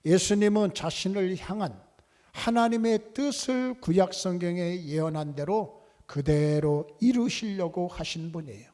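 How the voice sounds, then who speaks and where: Slow-preaching male pastor, mellow voice. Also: high-pitched. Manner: slow, deliberate preaching that leads the congregation in call-and-response. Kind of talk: sermon. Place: church sanctuary.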